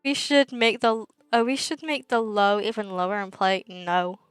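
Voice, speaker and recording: Giggly young woman streamer, smooth voice. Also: mid-range voice, steady tone, normal speed, a bit bright, dry recording, soft background music, rough recording. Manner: giggly and rambling, often laughing mid-sentence. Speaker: livestreamer. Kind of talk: casual chat with viewers.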